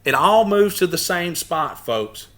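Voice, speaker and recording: A man's voice: a little high, big pitch swings, unhurried, fairly bright tone. A man hosting a channel, leading a lecture-style study session, who speaks emphatically, keeps asking his listeners rhetorical questions and often restarts his words. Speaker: YouTube channel host leading a study group. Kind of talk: lecture-style talk to a group.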